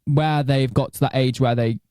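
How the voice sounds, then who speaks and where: A man's voice: medium pitch, fairly even intonation, a little mellow, clear, resonant tone, no room sound, clean studio sound. Chatty drag queen co-host. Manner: chatty, backs up his co-host, quick to laugh. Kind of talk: casual chat.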